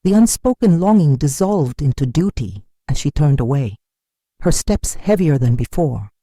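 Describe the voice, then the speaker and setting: A narrator tells a scripted folktale solemnly and dramatically, in a dark, mellow voice of middling pitch. The intonation is lively and the pace moderate, and the sound is very dry and close, with no room sound at all.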